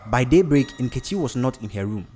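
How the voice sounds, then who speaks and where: A man doing expressive scripted narration of a story. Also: medium pitch, brisk, husky, soft background music. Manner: expressive, varied.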